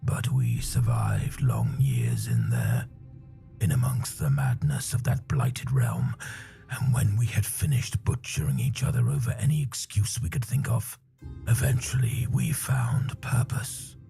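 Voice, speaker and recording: A man voicing a wounded, weary warrior who talks low, growled and half-whispered. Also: lively intonation, unhurried, creaky, mellow, soft background music, heavily acted. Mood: grim, recalling. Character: wounded, weary male warrior, grim and bitter.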